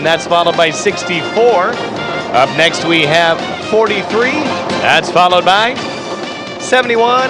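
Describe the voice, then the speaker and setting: High-pitched male lottery draw host. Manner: formal presenter patter, addressing the audience. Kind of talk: lottery draw announcing, scripted. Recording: TV lottery broadcast with loud music. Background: loud music bed.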